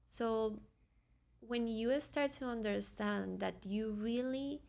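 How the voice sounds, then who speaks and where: Venezuelan woman guest, Spanish native, earnest, repeats phrases, light fry. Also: on the high side, slow, darkish tone. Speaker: podcast guest. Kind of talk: reflective conversational interview.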